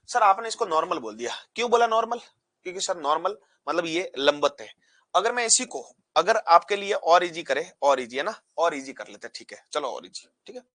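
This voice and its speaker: A man with a slightly high, bright voice teaches physics in a dry, close-sounding recording. He fires questions at the class and answers them himself, repeating each key term. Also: no echo. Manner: call-and-response questions, repeats key terms; animated, acts out particles pushing apart. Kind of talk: classroom lesson at a board.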